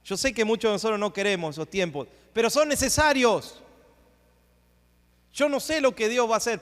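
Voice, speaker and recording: A man pastor preaching a sermon, rising into emphatic swells and dropping into hushed asides. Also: high voice. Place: church sanctuary. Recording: long church hall reverb.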